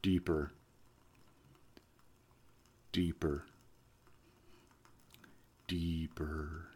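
An actor playing a weary man filming himself as the world ends, talking hesitantly and later guiding a hypnosis in a slow, soothing voice. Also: rumbling low, level tone, mellow, husky, exaggerated voice. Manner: hesitant, with fillers and restarts. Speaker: vlogger. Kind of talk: found-footage vlog acting.

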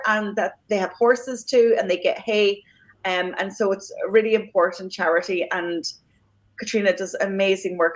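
A woman's voice: medium pitch, poor audio. A woman hosting a podcast, talking casually and giving thanks with many fillers and restarts. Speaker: podcast host.

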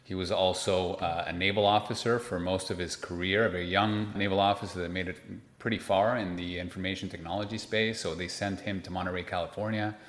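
Brisk and fairly bright, this deep male voice belongs to a Lima-born investment manager in his forties who is a guest on an interview. He keeps his intonation fairly even while recounting personal stories in a casual, conversational way, and the sound is roomy and echoey.

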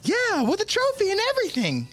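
Guy doing a squeaky falsetto little girl, earnest and pleading, table read. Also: huge pitch swings, brisk, a bit bright, faint music behind, heavily acted. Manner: pleading, wide-eyed. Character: sweet earnest little girl Cindy Lou.

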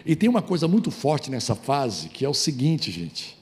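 A middle-aged man, preaching a lively sermon on marriage, joking with the audience and acting out quotes. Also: medium pitch, moderate pace. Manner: animated, acts out quotes, jokes with audience. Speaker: pastor.

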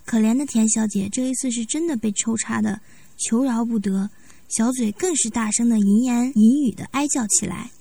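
A woman narrating a story in a steady reading voice. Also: a little high, normal speed, creaky, husky. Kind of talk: read-aloud story narration.

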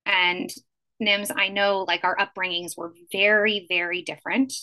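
A woman's voice: mid-range voice, flat delivery, moderate pace, sharp tone. A woman hosting a podcast, speaking earnestly about her work in a casual way with frequent fillers. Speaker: podcast host. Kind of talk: casual chat.

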